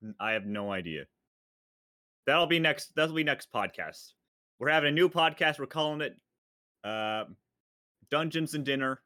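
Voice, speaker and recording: A man co-hosting a casual podcast, running a tabletop game with a dry, deadpan delivery. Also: fairly high pitch, moderate pace, pauses often, dry recording. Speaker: game master and co-host.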